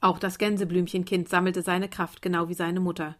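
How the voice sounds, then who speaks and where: A woman reading a calm bedtime story aloud in a soft, gentle voice. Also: fairly low pitch, a little fast. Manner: calm, soft, turning quieter.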